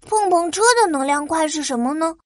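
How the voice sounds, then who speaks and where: Stubborn little storybook kid, very high and whiny, done by a woman. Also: fairly quick, no echo, studio quality, natural voice. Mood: curious. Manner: whiny, bouncy. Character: playful stubborn little child. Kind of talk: children's storybook narration.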